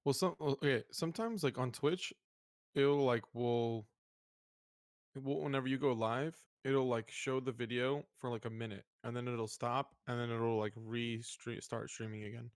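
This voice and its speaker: A man's voice: mid-range voice, fairly even intonation, moderate pace, no room sound, studio quality. A man co-hosting a podcast in casual, conversational chat. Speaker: podcast co-host.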